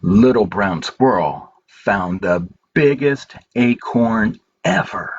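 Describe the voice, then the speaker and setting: A man with a lowish, slightly rough voice hosts a children's storytime for the library from inside his home, reading and chatting simply in an animated yet slow way. Background noise and a dull quality mark the home recording.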